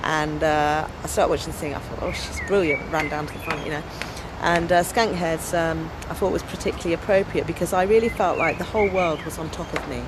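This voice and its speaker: Her low voice moves briskly as this English interviewee, an activist and storyteller, spins lively tales outdoors in a casual interview. She sounds loud and strong, with background noise around her.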